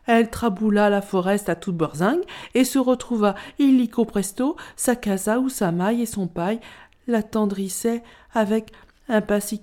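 A woman reading a children's picture book aloud in a playful, expressive storyteller style. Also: mid-range voice.

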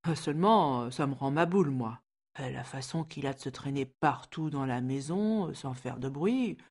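An actress playing a resentful, anxious housemaid who complains and hesitates. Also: female voice, very deep voice, expressive, moderate pace, darkish tone, heavily acted. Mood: grumbling. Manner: complaining, fretful, hesitant with many fillers. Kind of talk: audio drama acting.

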